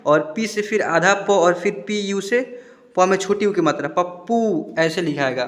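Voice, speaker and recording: A man's voice: high-pitched, reverberant, big-room sound. A man teaching a spelling lesson, patiently sounding out words and checking that the students follow. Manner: patient, repeats words slowly and checks understanding.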